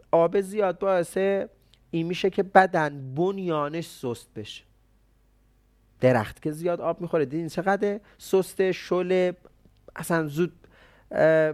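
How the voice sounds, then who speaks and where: Higher-voiced man teaching traditional medicine. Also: fairly even intonation, clean tone. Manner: conversational, poses and answers rhetorical questions. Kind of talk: explanatory health talk.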